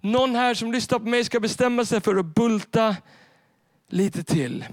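A man preaching a sermon from a church stage, animated and repeating his key phrases straight to the congregation. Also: very high-pitched, no room sound. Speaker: pastor.

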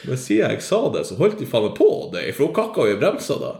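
A young man telling a story in casual chat, swearing freely, laughing a lot and cramming his talk with fillers. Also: medium pitch. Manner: profane, excitable, laughs often, frequent fillers. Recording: roomy echo.

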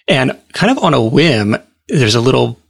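Gravelly, husky man in a casual interview. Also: medium pitch, moderate pace, no room sound, clean studio sound. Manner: relaxed, rambling storytelling with fillers. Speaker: guest.

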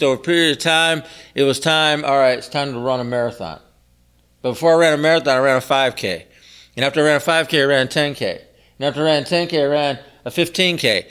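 A man's voice: mid-range voice, a bit bright. A middle-aged man leading a small group bible study, teaching earnestly with repeated phrases and rhetorical questions. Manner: earnest, repetitive preaching cadence with rhetorical questions.

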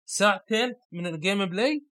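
A man co-hosting a casual gaming podcast, animated and explaining with quick examples. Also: high voice, no echo. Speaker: podcast co-host.

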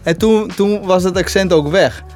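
A man's voice: high voice, normal speed, soft background music. Slangy storytelling Dutch podcast man. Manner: loose storytelling, slangy, animated retellings. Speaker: podcast co-host. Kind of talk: casual chat.

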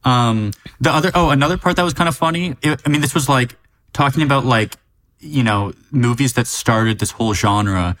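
A man co-hosting a podcast recaps movie scenes casually. He talks in a relaxed way and fills his sentences with ums and likes. His voice sits at an ordinary middle pitch. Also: normal speed. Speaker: podcast co-host. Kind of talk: casual chat about a movie.

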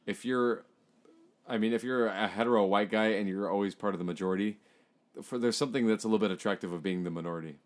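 Joking young man, casual podcast banter. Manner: animated, jokey, quick pitch jumps. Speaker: podcast co-host.

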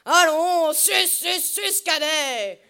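A woman voicing a shepherd man who calls out sharp commands to drive a bull, in an audiobook. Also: very high voice, expressive, extremely slow, vocal fry, faint music behind, pitched above the performer's own voice, exaggerated voice. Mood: urging. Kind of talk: audiobook character voice.

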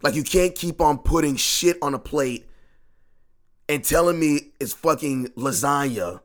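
A man's voice: fairly high pitch, lively intonation, a little slow. A man hosting a sports podcast from his home podcast room, ranting in agitated bursts, repeating himself and swearing freely.

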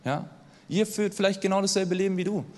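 A young man preaching a sermon in a lively, conversational way, often checking in with his listeners. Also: sits high, fairly quick. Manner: lively, conversational, asks the audience "oder?" often. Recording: long hall reverb.

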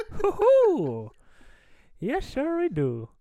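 A man's voice: very high voice, wildly swooping pitch, drawn-out words, dark tone, no echo, studio quality, voice pushed up, exaggerated voice. A man putting on an exaggerated comic Irish accent as a rambling stage-Irish character, stumbling goofily over his words. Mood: hammy. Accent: put-on Irish. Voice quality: exaggerated, mumbled put-on brogue. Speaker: co-host.

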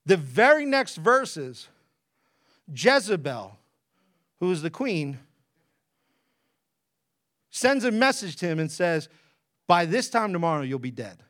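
A man delivers a sermon as animated storytelling, with a high voice for a man that swings widely in pitch. He keeps breaking off for jokey asides to the congregation. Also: takes it slowly, pauses often. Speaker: preacher. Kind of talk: lively conversational sermon.

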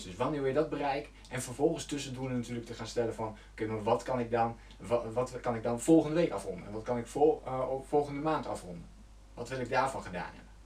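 A man's voice: medium pitch, a little mellow, reverberant, recorded from a distance. A man coaching his viewers on setting goals, speaking earnestly and loosely, with fillers and self-corrections. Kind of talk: motivational talk to camera.

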